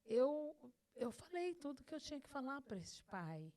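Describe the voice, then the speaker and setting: A middle-aged woman with a somewhat high-pitched voice shares a deeply personal testimony as the host of her own talk show. She is earnest and heartfelt, circling back to the same phrases for emphasis. Now and then she acts out the words she once spoke to God. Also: sing-song, moderate pace, warm tone. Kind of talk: emotional personal testimony in conversation.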